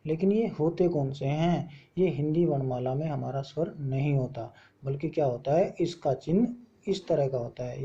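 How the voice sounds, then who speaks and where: Dark, husky-voiced teacher explaining step by step. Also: mid-range voice, highs cut off. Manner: explains step by step with questions and answers; spells out letters one by one. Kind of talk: Hindi grammar lesson.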